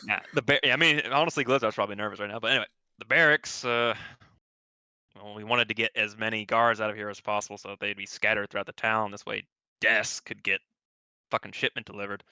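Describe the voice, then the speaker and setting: A man's voice: fairly low pitch, fairly even intonation, fast, sharp tone, clear, resonant tone, no room sound. A man narrating a tabletop role-playing game as dungeon master in a casual, laughing, cursing manner. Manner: casual, laughing, swears freely.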